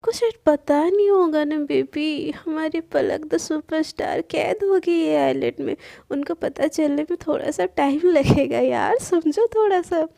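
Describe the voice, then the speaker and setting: Brief: woman reading as a teasing, doting young wife in an audio story, high voice with gravelly fry. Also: unhurried, warm tone, dry recording, clean studio sound. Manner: playful, doting, coaxing.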